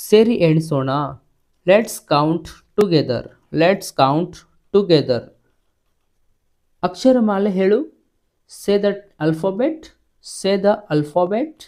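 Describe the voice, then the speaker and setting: A man teaching spoken English, saying each phrase twice, slowly and clearly. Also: high voice, darkish tone. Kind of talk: slow, drilled spoken-English lesson.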